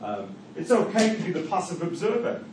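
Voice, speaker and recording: A middle-aged Geordie man from Newcastle, England, gives a university lecture with class discussion, his voice described as dark and mellow yet also high, sing-song and a little fast. He stumbles, hesitates, repeats words and uses many fillers as he thinks aloud. The mic is far off in an echoey room with faint noise.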